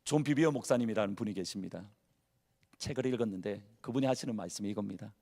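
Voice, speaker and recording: A man's voice: fairly low pitch, fast talker, vocal fry, a little mellow. A male pastor preaching a sermon in a church, asking the congregation questions and acting out people's inner worries. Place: church sanctuary.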